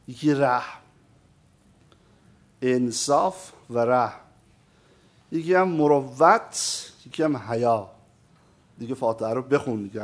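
A religious teacher with a high voice lectures emphatically on theology. He keeps asking the audience questions and calls his listeners "sir."

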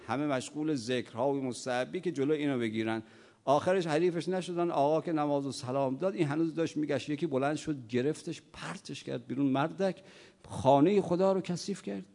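Impassioned preacher man in a reverberant hall. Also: a little high. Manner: swings from quiet storytelling to loud impassioned preaching; acts out dialogue in stories. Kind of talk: sermon with storytelling.

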